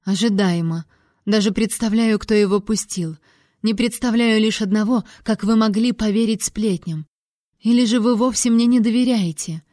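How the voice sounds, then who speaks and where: Stern young king in an audiobook, curt and guarded, mellow tone, read by a woman. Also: mid-range voice, moderate pace, dry recording, studio quality, natural voice. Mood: reproachful.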